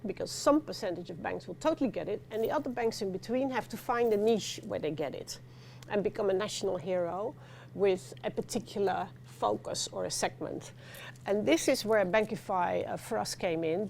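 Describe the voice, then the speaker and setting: A middle-aged Dutch woman with a Dutch accent speaking on a conference panel, animated, with many fillers and restarts. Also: medium pitch, creaky, a little hiss or hum. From Netherlands. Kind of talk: panel discussion talk. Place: conference venue.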